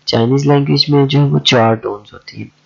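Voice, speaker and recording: Man explaining a lesson slowly. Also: medium pitch, fairly even intonation, gravelly, a little mellow. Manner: slow and repetitive, with many fillers. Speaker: language teacher. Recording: dull lo-fi audio.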